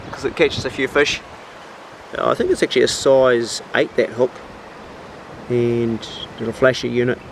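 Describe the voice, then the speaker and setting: A man's voice: medium pitch, a little hiss or hum, poor audio. A man with a broad New Zealand accent, chatting casually to camera as a vlog host in a laid-back, slangy, blokey way.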